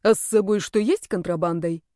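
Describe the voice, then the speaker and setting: A woman's voice: medium pitch, normal speed, mellow, dry recording, close to an everyday voice. Brash teasing young male naga student, read by a woman, dry close audiobook sound.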